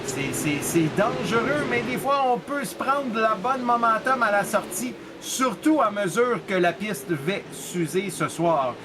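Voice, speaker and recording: A man's voice: high voice, animated, background noise. A man with a Québécois French accent commenting on a race, mixing English racing words into his French. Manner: reads lineups slowly, mixes in English words. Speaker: color commentator.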